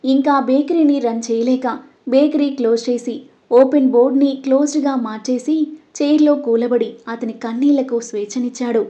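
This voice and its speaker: A woman reading an audio story aloud, voicing every character's lines in her own voice and getting louder for the dialogue. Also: high-pitched, steady tone, normal speed. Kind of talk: scripted audio story narration.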